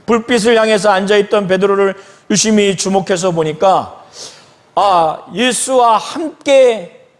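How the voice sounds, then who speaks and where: A man preaches a sermon in a church at an unhurried pace. His voice sits high and swings widely in pitch, and he acts out the speakers in the Bible story he retells. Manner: slow storytelling of a Bible passage, acting out the quoted lines. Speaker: pastor.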